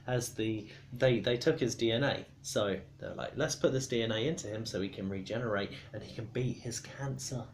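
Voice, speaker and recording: A drunk man giving a rambling, casual explanation, halting and stumbling over his words, argumentative. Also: mid-range voice, slight background noise. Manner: swears casually. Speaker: storyteller explaining comic book lore.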